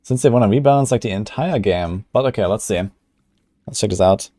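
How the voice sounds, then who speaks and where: Young male streamer, low mellow voice, loose rambling chatter, dry close sound. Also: fairly quick, no room sound. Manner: rambling, filler-heavy. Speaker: gaming streamer. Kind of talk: casual livestream commentary.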